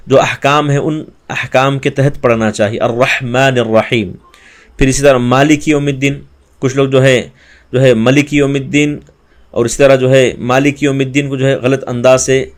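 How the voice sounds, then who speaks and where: Man teaching Quran recitation in Urdu. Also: mid-range voice. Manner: explains pronunciation mistakes, then recites verses slowly and drawn out. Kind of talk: tajweed lesson with recitation.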